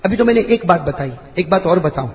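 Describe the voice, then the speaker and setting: A man preaching a storytelling sermon, repeating phrases, quizzing the audience and rising to shouts. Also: sits high, animated, lo-fi sound, slight background noise. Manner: repetitive, fires questions at the audience, swings into shouting. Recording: long hall reverb.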